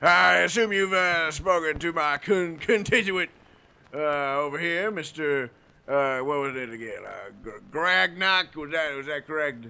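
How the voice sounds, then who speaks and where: A man's voice: fairly high pitch, unhurried, creaky, sharp tone, clear, resonant tone, exaggerated voice. A man playing a half-deaf, pompous old judge in an improvised comedy scene, rambling and declaring in a folksy drawl.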